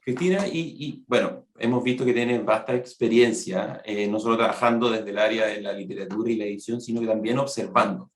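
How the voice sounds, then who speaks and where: Low-voiced man in an echoey room. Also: a little fast, hardly any pauses. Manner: polite, agreeing interjections. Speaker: interviewer. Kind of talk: panel interview.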